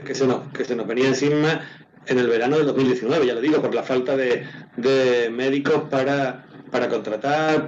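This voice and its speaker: A man with an Andalusian accent answering interview questions in a measured, hesitant way, often repeating words as he explains. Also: medium pitch. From Andalusia, Spain. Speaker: doctors' union president, interviewee. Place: remote call into a TV programme. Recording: muffled lo-fi call with clear noise.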